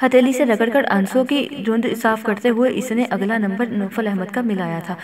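A woman narrating an audio novel in a measured dramatic reading. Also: on the high side, a crowd in the background.

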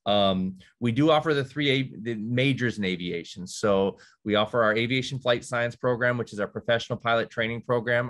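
A man's voice: lowish voice, a bit bright. A man representing a college, giving a conversational virtual presentation to counselors, with many fillers and restarts and the odd dry sarcastic aside. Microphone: video call.

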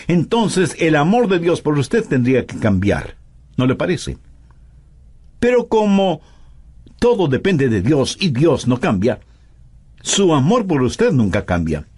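Emphatic preacher man, lively pitch. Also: breathy edge. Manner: emphatic, with pointed rhetorical questions. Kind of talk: Spanish voice-over of a sermon.

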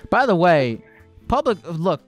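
A man's voice: high-pitched, very animated, measured pace, faint music behind. A young man hosting a call-in show from a home studio, chatting casually in a laid-back, rambling, joking way into a stand mic. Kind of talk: casual call-in advice chat.

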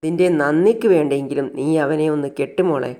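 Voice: medium pitch, a little fast, mellow, lightly acted. A domineering Malayali mother lays down the law, scolding and threatening, voiced by a storyteller retelling a serial. She runs the household with a hard, bossy edge. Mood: coaxing. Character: stern, domineering mother of the family.

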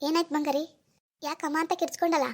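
A woman's voice: sits high, little pitch movement, fast, voice pushed down, lightly acted. A woman voicing a middle-aged village mother in a cartoon who pleads, sobs and nags her daughter. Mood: nagging. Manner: pleading and sobbing in the dream, bossy when nagging. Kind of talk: cartoon voice acting.

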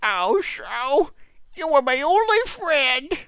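A man voicing a timid, earnest little boy who pleads in a high, strained voice. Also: big pitch swings, a little slow, pushed and bright, clean tone, no echo, heavily acted. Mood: weeping.

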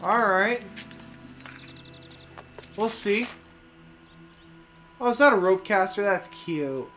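A man's voice: high-pitched, expressive, takes it slowly, a bit bright. A man giving casual, sweary let's play commentary, muttering informally to himself as he plays. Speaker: gamer playing through an adventure game. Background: game music.

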